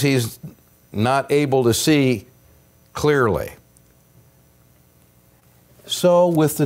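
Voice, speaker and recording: An older man preaching a sermon as pastor, earnest and emphatic, with pauses and rising stresses, recorded on a pulpit microphone in a church sanctuary. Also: a little high. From United States.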